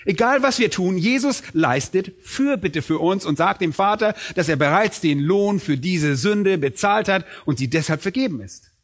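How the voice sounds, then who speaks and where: Delivering an emphatic sermon, this middle-aged man asks questions and answers them on his own. His high voice is expressive, moving at a normal pace with few pauses.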